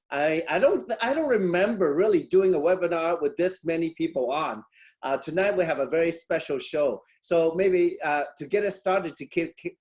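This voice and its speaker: Man, middle-aged, from Hong Kong, webinar host, chatty, restarts a lot, slightly high voice, video call. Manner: chatty, many fillers and restarts, frequent laughs. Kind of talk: casual online webinar hosting.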